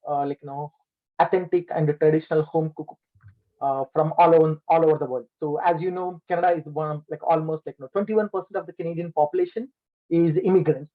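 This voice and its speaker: A man's voice: on the high side, fairly even intonation, fast talker. A man being interviewed about his businesses over a video call, his audio breaking up on a bad connection, talking at length with many "like, you know" fillers. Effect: bad connection, audio cutting out. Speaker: business owner interviewed as guest. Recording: tinny lossy video call line.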